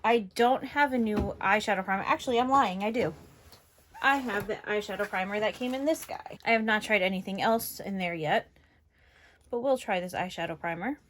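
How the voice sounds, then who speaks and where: This beauty vlogger, a young woman from New York with a general northeastern American accent, rambles casually through a makeup tutorial with plenty of fillers. Her medium-pitched voice is fairly quick and a bit bright, with a little hiss or hum.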